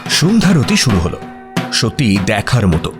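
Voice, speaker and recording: Over background music, a man plays a detective's puzzled, admiring friend who narrates a mystery audio story in the first person, dramatized expressively and with suspense. He speaks at a moderate pace in a fairly low voice.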